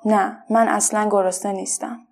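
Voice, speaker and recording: A woman voicing a shy, timid paper butterfly in a children's story, speaking quietly and hesitantly. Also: medium pitch, level tone, creaky. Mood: frightened.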